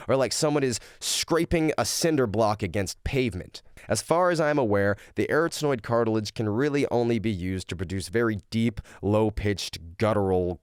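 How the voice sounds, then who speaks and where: A man giving an explanatory lesson as a vocal coach, speaking in an animated, instructive way. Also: fairly low pitch, clear, resonant tone, dry recording, clean studio sound. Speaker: vocal coach teaching screaming technique.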